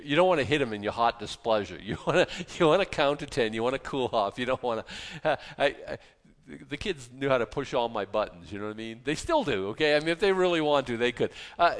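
Middle-pitched man, fifties, loose chatty preacher with sudden loud bursts; long hall reverb. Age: 50s. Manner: rambling, self-deprecating, with sudden loud outbursts acting out anger. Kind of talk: casual sermon.

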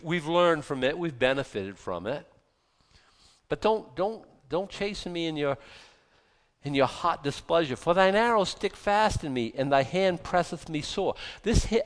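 A man in his fifties giving a casual, rambling sermon, self-deprecating and joking, now and then acting out angry outbursts. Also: on the high side. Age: 50s. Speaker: preacher. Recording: long hall reverb.

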